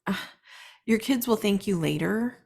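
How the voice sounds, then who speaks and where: A woman's voice: mid-range voice, expressive, measured pace, gravelly, a little mellow. A woman guest on a casual podcast, talking earnestly and enthusiastically.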